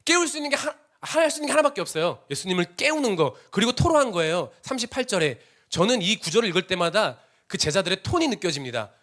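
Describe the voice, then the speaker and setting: A man preaching an emotional Sunday sermon in a church, swinging between loud exclamations and hushed whispers. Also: high-pitched, big pitch swings, fast, hardly any pauses. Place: church sanctuary.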